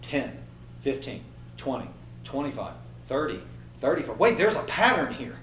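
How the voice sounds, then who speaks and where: A man in his fifties giving an animated motivational workshop talk and acting out inner voices. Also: mid-range voice, normal speed, reverberant, recorded from a distance, a little hiss or hum, rough recording. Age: 50s. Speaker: trainer.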